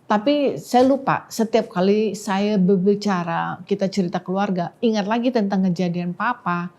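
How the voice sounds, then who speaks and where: A woman giving an emotional personal testimony on a talk podcast, dropping to a hush when she quotes prayers. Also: mid-range voice, moderate pace. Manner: emotional storytelling, quoting prayers softly. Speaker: podcast guest.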